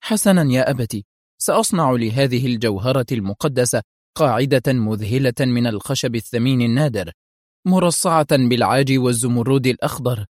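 A man voicing a cunning, scheming woman villain who puts on sweetness and turns sharp. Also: medium pitch, a little fast, no echo, clean studio sound, close to an everyday voice. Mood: scheming, tense. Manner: feigned sweetness turning sharp.

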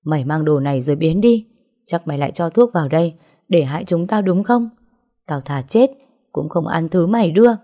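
A woman doing a furious young woman, hostile, insulting, low mellow voice. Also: animated, fairly quick.

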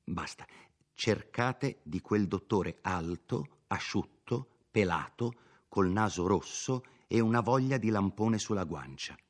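A man's voice: lowish voice, lively intonation, slow. A man reading a novel aloud, voicing an older peasant mother who gives homely, folksy advice in a chatty manner. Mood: advising.

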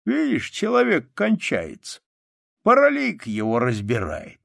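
A man's voice: on the high side, wildly swooping pitch, unhurried, gravelly, a bit bright, dry recording, clean studio sound, voice pushed up, exaggerated voice. A man voicing a mocking, skeptical peasant who owns the hut, in an audiobook reading. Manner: mocking, sardonic.

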